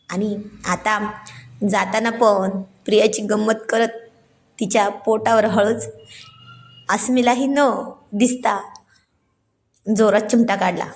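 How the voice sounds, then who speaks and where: A woman's voice: medium pitch, fairly even intonation, measured pace, long pauses. A woman narrating a serialized romance story, with chatty asides to listeners.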